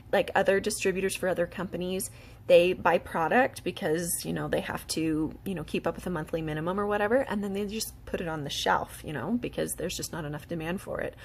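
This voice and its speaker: A woman giving a casual, eager sales pitch to the camera, talking fast between fillers and little laughs. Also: gravelly, a little hiss or hum. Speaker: beauty product distributor.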